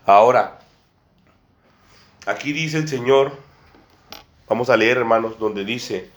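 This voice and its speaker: A man's voice: mid-range voice, slow pace. A man preaching a sermon to a small congregation, often repeating phrases and calling his listeners brother and sister. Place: church room with a table and a small congregation. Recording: echoey room.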